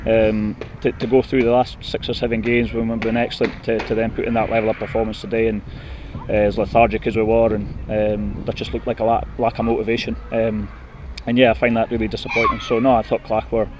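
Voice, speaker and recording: A Scottish man giving a post-match interview as a football manager, blunt and disappointed, speaking haltingly. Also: on the low side, little pitch movement. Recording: muffled, noisy outdoor recording with traffic.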